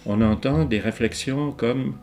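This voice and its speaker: An elderly painter in his eighties from Ticino, Switzerland, whose first language is Ticinese dialect, gives reflective interview answers. His mid-range, darkish voice comes slowly and hesitantly, full of pauses and repeated words, over soft background music.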